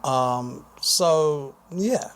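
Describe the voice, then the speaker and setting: A British man speaking as a guest author on a radio talk show, explaining in a measured way and repeating words as he thinks. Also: on the high side, expressive, clean tone. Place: radio studio.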